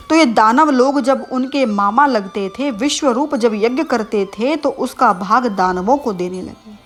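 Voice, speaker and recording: A woman narrating a religious scripture story, stopping to explain words as she goes. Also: a little high. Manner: explains terms as she tells the tale.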